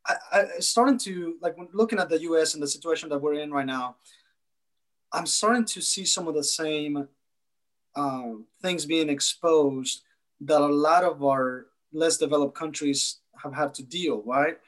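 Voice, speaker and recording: A man from El Salvador speaking thoughtfully in a panel discussion, pausing to search for words. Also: fairly high pitch, a bit bright.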